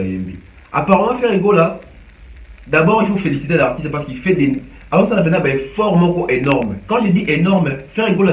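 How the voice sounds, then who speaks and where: A man from DR Congo, giving casual commentary on music news and mixing in Lingala with many hesitations. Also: on the high side. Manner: mixes French and Lingala, animated with frequent hesitations. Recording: echoey room, distant from mic.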